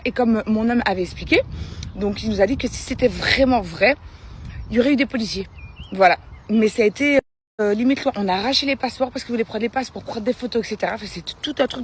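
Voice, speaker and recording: A woman's voice: medium pitch, a little hiss or hum. Chatty woman vlogger with a slight lisp. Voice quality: slight lisp, slushy s sounds from a sore tongue. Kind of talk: casual chat to followers.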